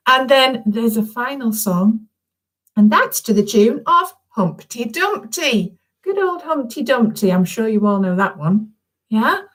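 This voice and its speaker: This children's author has a sing-song voice on the high side, a bit bright, delivered at a measured pace. She's addressing young schoolchildren in a chatty, informal live video from her home, cheering them on and checking in with quick questions.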